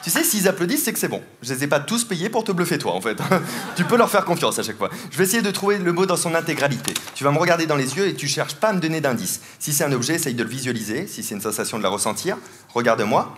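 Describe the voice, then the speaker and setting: Male stage mentalist, high-ish voice, teasing and jokey, recorded live with audience noise behind. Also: very animated, fast, a bit bright. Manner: playful, teasing, laughs often while talking. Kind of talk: live stand-up mentalism show. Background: audience laughter and applause.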